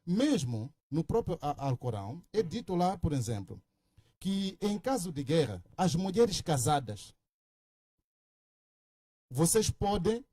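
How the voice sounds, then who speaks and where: A man's voice: on the high side, big pitch swings, takes it slowly, long pauses, warm tone, slightly rough, dry recording. A man, a pastor in a religious debate, who argues with pointed rhetorical questions.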